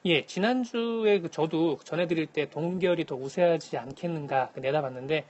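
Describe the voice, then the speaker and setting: A man calling in to a radio show as a correspondent, giving a formal, scripted economic briefing in a measured manner. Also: on the high side, a little mellow. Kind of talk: scripted news briefing, answering by phone. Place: phone link to a radio programme.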